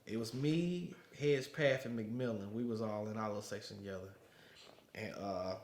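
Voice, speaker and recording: Animated laughing man telling stories. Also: on the low side, normal speed, a little hiss or hum. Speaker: interview guest, former Marine. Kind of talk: casual storytelling. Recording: roomy echo.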